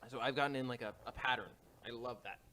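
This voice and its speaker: Young man co-hosting, halting and joking. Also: mid-range voice, bright, forceful tone. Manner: halting, searches for words, joking. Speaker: podcast co-host. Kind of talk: casual podcast chat.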